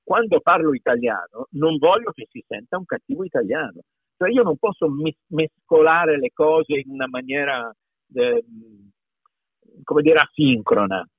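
Husky Piedmontese man on a thin line. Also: fairly high pitch, measured pace, dry recording. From Piedmont, Italy. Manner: emphatic, repeats words, animated. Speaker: voice actor guest. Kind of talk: conversational interview. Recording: tinny phone-like call line.

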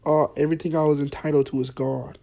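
A man's voice: on the high side, level tone, quick pace, gravelly, mellow. A man hosting a podcast, delivering a profane, mock-earnest comedic rant. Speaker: podcast host.

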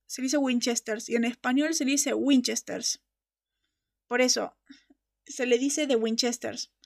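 Passionate woman podcast host, high voice with a gravelly edge, emphatic and quick to laugh. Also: fairly even intonation. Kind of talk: casual fan-show chat.

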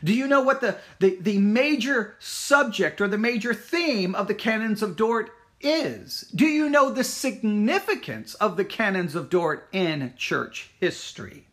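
A Bible teacher at a Baptist church addresses listeners informally and directly, with an expressive, fairly bright voice whose pitch swings widely. His emphatic, challenging delivery leans on rhetorical questions and repeated phrases, moving at a measured pace with few pauses.

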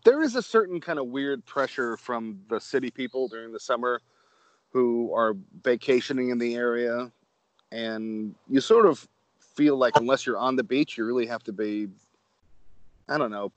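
American male interviewer, medium pitch, thoughtful and slightly hesitant conversational delivery, dry close sound. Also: moderate pace, dry recording. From Connecticut, United States.

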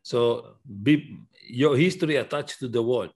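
A man's voice: medium pitch, a little slow, darkish tone. A man hosting a podcast, chatting casually and rambling through repeated restarts as he asks questions. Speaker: podcast host. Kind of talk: casual interview chat.

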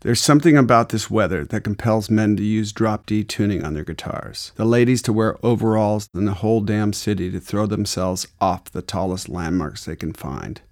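A man from Arizona narrating a memoir audiobook in a wry, deadpan, gritty way. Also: fairly low pitch, normal speed, few pauses.

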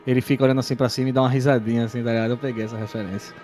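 Quick, chatty man. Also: mid-range voice, level tone, darkish tone, faint music behind. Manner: quick, chatty, asks questions. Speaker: podcast co-host. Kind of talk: casual chat.

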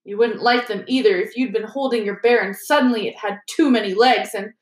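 A blunt, grumbling storybook schoolboy voiced by a woman, quick to get defensive. The gruff delivery is slightly raised in pitch and rings in an echoey room. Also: close to an everyday voice. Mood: aggrieved.

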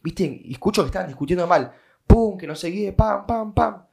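A man's voice: high voice, fairly quick, creaky. A young man with an Argentine accent, a podcast guest telling a story casually and acting out sounds and voices. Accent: Argentine Rioplatense Spanish. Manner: animated, acts out voices and sounds in his story.

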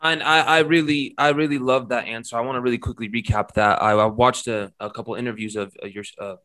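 A man hosts an interview with eager enthusiasm, summing up his guest's points in long, winding remarks. His voice has an ordinary middle pitch. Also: fairly even intonation, quick pace, sharp tone, clean tone. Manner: enthusiastic, recaps at length. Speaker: interviewer, host. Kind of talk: casual interview.

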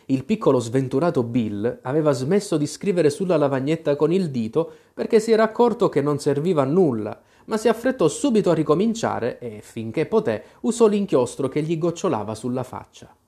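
Male storyteller, storybook reading, lively intonation, slightly high pitch. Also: a little fast, few pauses. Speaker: narrator.

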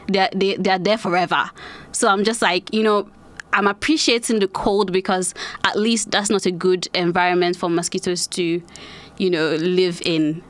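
A young Nigerian woman hosts a casual solo podcast, chatting and laughing often. Her accent blends Nigerian with a British lean, and her medium-pitched voice has a fairly bright tone.

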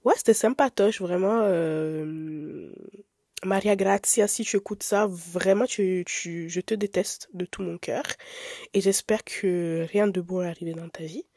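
A young woman who grew up in Italy, hosting a podcast in a candid, expressive, chatty way with frequent filler words. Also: fairly low pitch, unhurried, no room sound, studio quality. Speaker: podcast host. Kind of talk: casual podcast monologue.

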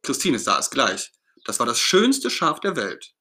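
A man reading a children's story aloud as narrator, in an expressive, gentle storytelling manner. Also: mid-range voice, unhurried.

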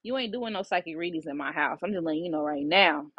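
A man's voice: fairly high pitch, expressive, quick pace, husky, dry recording, muffled recording, voice pushed down. A woman voicing a stern grown man who is set in his faith, speaking firmly and matter-of-factly. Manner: firm, matter-of-fact.

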